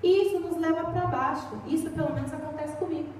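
A woman's voice: very high-pitched, fast talker, darkish tone, slight background noise. A young Brazilian woman preaching a sermon in a church, chatty and storytelling, recorded from far off in an echoey hall. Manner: chatty storytelling, acts out voices.

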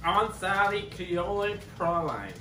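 A man's voice: high-pitched, expressive, takes it slowly. A young man announcing snacks and joking with friends, slipping in some Spanish. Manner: playful, mixes in Spanish. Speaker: co-host. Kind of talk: casual group snack tasting. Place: small room at a table, indoors. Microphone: far camera. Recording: echoey room from far off, noisy.

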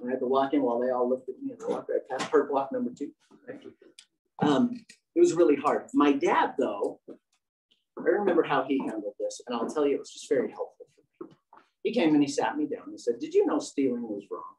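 A man's voice: mid-range voice, fairly quick, darkish tone. A middle-aged man giving a candid, self-mocking personal story at a church meeting. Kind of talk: humorous personal story talk. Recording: distant mic.

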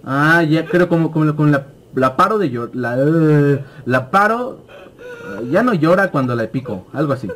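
A man's voice: on the high side, expressive, moderate pace, fairly bright tone, slight background noise. A young man hosting a gaming channel, giving let's play commentary on a horror game and yelping and swearing at the scares. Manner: jumpy, yelps and swears at scares.

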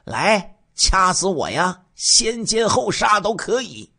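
A man voicing a brash, mocking female streetwalker who taunts in shrill bursts, as part of a dramatized crime story. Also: big pitch swings, unhurried, fairly bright tone, slightly rough, full character voice. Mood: taunting.

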